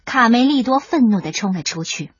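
A woman storyteller reading a children's story aloud in an expressive, animated way. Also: a little high, brisk, breathy edge, no echo. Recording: dull lo-fi with faint music.

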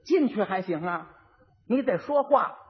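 A man's voice: high voice, lively intonation, a little slow, husky, heavily acted. A man voicing a clever, exasperated young bride who lectures and instructs, on a dull old recording with long reverb. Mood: instructing. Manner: scolding, instructive.

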